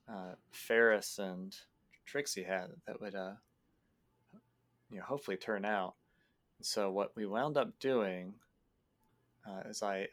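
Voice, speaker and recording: A man who plays in a tabletop game, casually retelling a session in an unhurried, meandering way. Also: on the low side. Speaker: player. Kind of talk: casual storytelling recap.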